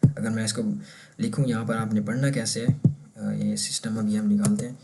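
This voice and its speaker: A man with a Pakistani Urdu accent teaching a beginner German class, patiently explaining and repeating words slowly so learners can copy the pronunciation. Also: lowish voice, flat delivery, vocal fry, heavy background noise. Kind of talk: casual explanatory lesson.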